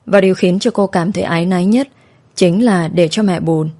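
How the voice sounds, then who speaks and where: A woman reading a story as scripted narration, in a calm, even manner. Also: on the low side, brisk.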